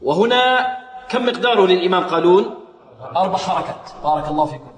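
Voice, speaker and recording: A man teaching Quran recitation rules, quizzing his students and chanting verses slowly to show each rule. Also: high-pitched, animated, echoey room, long reverb tail. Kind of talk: tajweed lesson with sung recitation.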